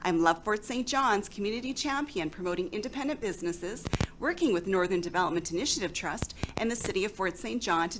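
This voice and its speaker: A woman's voice: mid-range voice, slight background noise. A woman seeking re-election to city council, formally reading her credentials as a campaign statement. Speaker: council candidate.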